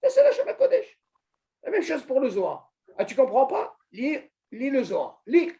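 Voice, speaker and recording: A man teaching an informal religious lesson to a small group, animated, asking questions and calling on a student by name. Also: very high voice, moderate pace, a crowd in the background. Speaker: Torah teacher.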